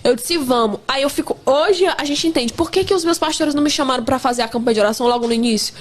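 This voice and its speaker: A woman's voice: high voice, fast talker. A woman in her twenties, pregnant, telling her faith testimony in an earnest, emphatic casual way. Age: 20s. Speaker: guest sharing a testimony.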